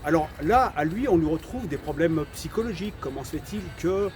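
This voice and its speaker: A French man of Algerian heritage who grew up in France hosts a channel and shares his opinions casually, hesitating, repeating words and saying "voilà" often. His voice is fairly high and expressive, with a darkish tone and a fairly quick pace. Soft music plays in the background.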